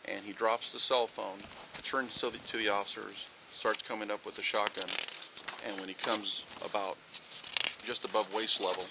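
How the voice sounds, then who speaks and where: Gravelly man giving a methodical briefing. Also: fairly low pitch, level tone, normal speed, noisy background. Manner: methodical, factual, with fillers. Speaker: police officer briefing investigators. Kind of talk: on-scene incident briefing. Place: outdoors at a street scene.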